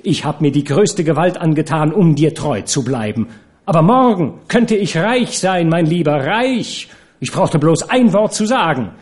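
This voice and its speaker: A man putting on a shrill furious young woman. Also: animated, fairly quick, hardly any pauses, natural voice. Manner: shrill, scolding, shouting. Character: fiery young Parisian woman, actress and courtesan, furious.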